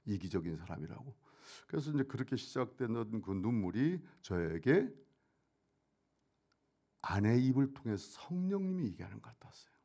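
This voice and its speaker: A middle-aged church elder delivers a testimony sermon in a mid-range voice that rises and falls with great liveliness, at normal speed with long pauses. He swings from loud, urgent bursts to quiet asides, often posing questions and answering them himself.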